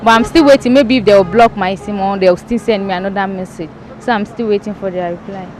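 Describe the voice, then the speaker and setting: A woman's voice: medium pitch, a little fast. Hesitant woman on the street. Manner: uncertain, hesitant. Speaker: interviewed passer-by.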